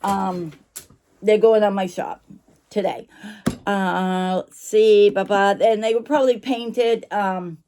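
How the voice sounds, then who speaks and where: A woman's voice: mid-range voice, fairly even intonation, slow pace, warm tone, slight background noise. A woman chatting casually to camera like a vlogger showing her shop finds, rambling and apologetic, interrupting herself and chewing gum while she talks. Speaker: online vintage shop owner and vlogger.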